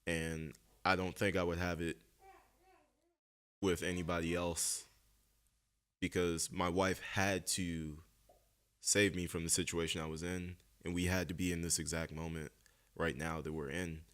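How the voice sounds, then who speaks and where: A man's voice: deep voice, flat delivery, fairly bright tone. A young man hosting a casual podcast chat, talking earnestly and reflectively with lots of fillers. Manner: earnest, reflective, speaks slowly with many fillers. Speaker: podcast host.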